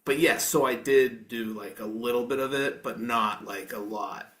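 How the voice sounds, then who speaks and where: A man in his forties hosting a podcast interview, chatting loosely and circling back on himself with fillers and restarts. His voice sits at an average pitch and carries a noticeable room echo around it. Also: moderate pace, a bit bright. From Maine. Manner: rambling, frequent fillers and self-corrections. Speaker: podcast host. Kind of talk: casual interview chat. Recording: roomy echo.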